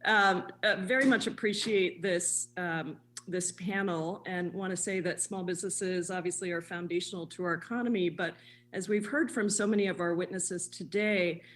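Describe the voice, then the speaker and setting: A woman committee member joining a congressional hearing remotely, giving a brisk, earnest statement and question. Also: lowish voice, fairly even intonation, fairly bright tone, a little hiss or hum. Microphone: remote video call.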